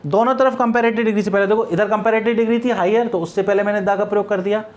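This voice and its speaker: A man's voice: sits high, fairly even intonation, fast talker. A male English grammar teacher explaining step by step, mixing English terms into Hindi and answering his own questions. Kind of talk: Hindi-language grammar lesson.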